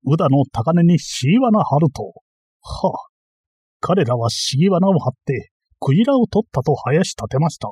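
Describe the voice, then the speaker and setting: A man's voice: fairly high pitch, very animated, unhurried, darkish tone, breathy edge, dry recording, pitched above the performer's own voice, heavily acted. Man voicing a ranting bumbling thief. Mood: indignant. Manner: boastful, ranting, easily flustered. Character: blustering bumbling self-styled master thief, man.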